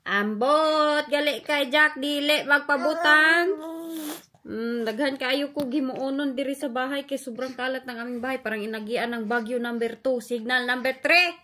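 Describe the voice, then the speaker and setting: A woman's voice: high voice, normal speed, pushed and bright, no room sound. A woman chatting to her pet in playful baby talk, coaxing and scolding it. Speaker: vlogger. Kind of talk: casual chat with a pet. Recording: noisy, with a vehicle heard behind.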